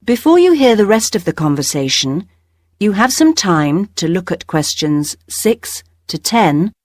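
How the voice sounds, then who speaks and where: A woman narrating the instructions of a listening exam in a clear, measured style. Her voice is on the low side but moves expressively, recorded dry and close. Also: very animated, a little mellow, dry recording. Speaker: test narrator.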